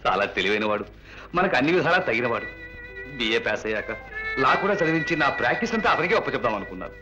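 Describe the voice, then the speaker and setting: An actor playing a gentle middle-aged father who is a lawyer and speaks softly to his daughter, over film music. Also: medium pitch, sing-song, very fast, highs cut off, natural voice. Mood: regretful. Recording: film soundtrack with violin music.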